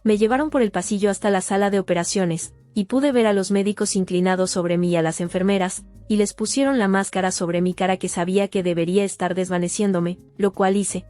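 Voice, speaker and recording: A woman narrating a first-person testimony as a voice-over, in a steady, sober storytelling manner. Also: mid-range voice, a little fast, hardly any pauses. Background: faint guitar music.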